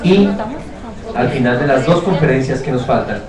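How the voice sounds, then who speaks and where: A man's voice: medium pitch, expressive, moderate pace. Echoey male conference moderator. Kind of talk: formal event announcements. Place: conference hall. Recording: echoey hall, distant mic, crowd.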